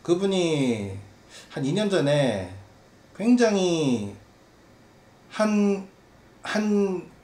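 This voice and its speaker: A man's voice: sits high, big pitch swings, extremely slow, pauses often, darkish tone, echoey room. A man hosting a casual podcast, ranting with many fillers and acting out other people's voices. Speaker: podcast host.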